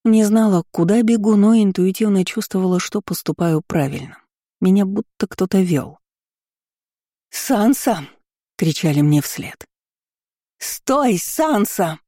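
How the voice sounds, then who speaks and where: A woman's voice: mid-range voice, moderate pace, warm tone, no echo, studio quality. A woman narrating a first-person novel as an audiobook, reading steadily and expressively.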